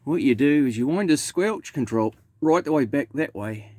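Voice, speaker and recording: Slightly high and animated with a darkish tone, this man talks at a moderate pace in a New Zealand accent. As a radio technician in his own repair video, he gives a casual, matter-of-fact walkthrough in and around a truck cab, with clear background noise and vehicle sounds.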